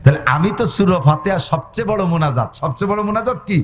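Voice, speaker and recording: A man with a Gopalganj Bengali accent preaching a humorous waz sermon, swinging from loud exhortation to soft, high mock-dialogue. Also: lively intonation, fast talker, a little hiss or hum. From Bangladesh. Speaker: Islamic preacher.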